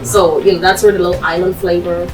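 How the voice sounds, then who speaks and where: A restaurant owner from Guyana who grew up in Barbados chats casually as an interview guest, explaining things talkatively and sprinkling in "you know." Her voice is lowish and level, her pace quick, and she's heard over music on a rough recording.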